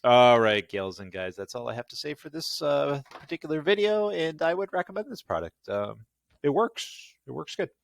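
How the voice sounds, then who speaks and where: A man with a fairly high, sing-song, creaky voice moves at a moderate pace. Though tired, he hosts a product demo video in a casual ramble, chatting to himself while working and making goofy self-deprecating cracks.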